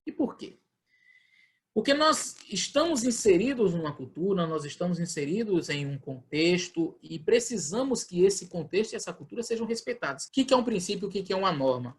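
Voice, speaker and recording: A man's voice: high voice, very animated, a little fast. A man with a Brazilian Portuguese accent, a pastor explaining scripture in an online Bible study and acting out people's questions. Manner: explanatory, acts out questions in quoted voices.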